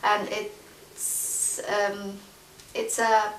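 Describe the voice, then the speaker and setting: A woman in her forties from Afghanistan, answering interview questions about her life hesitantly, with many pauses and fillers. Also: mid-range voice, monotone, a bit bright, echoey room, distant mic, slight background noise, poor audio. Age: 40s. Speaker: interview guest, trainee documentary filmmaker. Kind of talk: casual interview chat. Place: large room in a castle.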